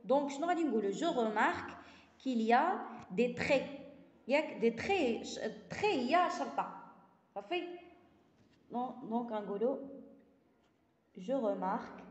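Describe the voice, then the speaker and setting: A Moroccan woman teaching a primary-school French lesson. She reads French slowly and explains it in Moroccan Arabic. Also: a little high, animated, echoey room, big-room sound. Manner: reads French sentences slowly, then explains them quickly in Darija.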